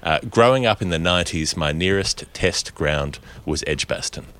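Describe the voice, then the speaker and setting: An Australian man with a very low voice presents a podcast in a conversational style. He wanders through his points with a wry, discursive delivery. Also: moderate pace, fairly bright tone. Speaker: podcast host. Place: remote voice call from a rooftop.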